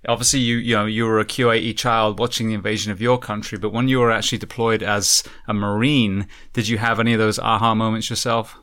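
A man's voice: lowish voice, flat delivery, fast, few pauses, fairly bright tone. English man asking long questions. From England. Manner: thoughtful, long-winded questions. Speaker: podcast host. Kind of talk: casual interview.

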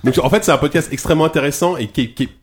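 Rambling fast-talking male podcast host. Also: fairly high pitch, slightly rough. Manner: rambling, hesitant, many fillers. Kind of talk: casual chat.

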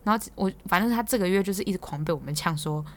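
A young Taiwanese-accented woman rattles through a casual podcast monologue at a brisk clip. Her voice sits a little low, and she teases freely and laughs easily as she tells her stories. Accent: Taiwanese Mandarin. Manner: chatty, teasing, quick to laugh. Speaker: podcast host.

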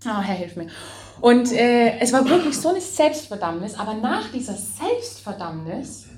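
A young woman preacher telling a personal story in a sermon, lively, acting out what she said and often laughing. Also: a little high, normal speed, a crowd in the background. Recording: echoey church hall.

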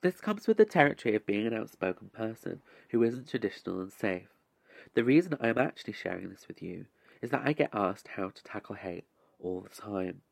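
A man with a lowish, creaky voice delivers a scripted podcast monologue. His delivery is measured and deliberate, with formal, slightly arch phrasing and dry wit. The recording is close and dry, with little room sound. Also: a little mellow, no echo. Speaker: podcast host.

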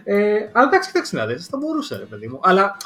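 A man from Greece with a Lamia accent, co-hosting a podcast in a relaxed, chatty way with many fillers and restarts. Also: sits high. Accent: Greek, from Lamia. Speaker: podcast co-host. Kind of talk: casual chat.

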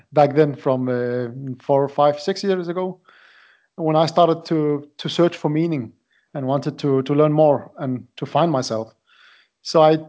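A man in his late twenties, originally from Iraq, talking as a podcast guest in a halting way, often repeating words as he searches for them. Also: fairly high pitch, darkish tone. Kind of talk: casual interview talk. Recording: dull lo-fi audio.

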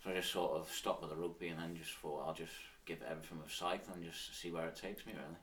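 A man's voice: sits low, fairly even intonation, fast, fairly bright tone, recorded from a distance. A man with a strong Isle of Man accent, chatting casually as a guest in an interview. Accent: strong Manx (Isle of Man). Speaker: podcast guest, cyclist. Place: podcast studio.

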